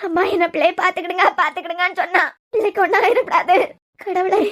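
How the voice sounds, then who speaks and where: A woman's voice: very high voice, fast, a bit bright. A woman with a Kanyakumari Tamil accent voicing a fretful old grandmother who wails and laments over her grandchild in a cartoon serial. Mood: lamenting. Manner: lamenting, wailing.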